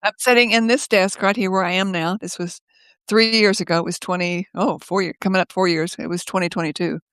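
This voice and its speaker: An older woman speaking as a guest over a video call from her home office, telling stories in a lively way, laughing often and acting out the voices of others. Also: on the low side, a little fast, clear, resonant tone, dry recording. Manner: lively, laughs often, acts out quoted speech. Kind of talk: casual conversational storytelling.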